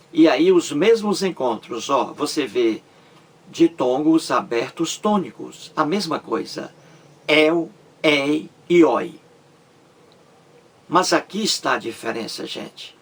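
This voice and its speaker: Male grammar teacher, slow, patient and repetitive, slightly husky. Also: mid-range voice. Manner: slow and repetitive, stresses syllables, asks "entendeu?". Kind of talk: explanatory lesson.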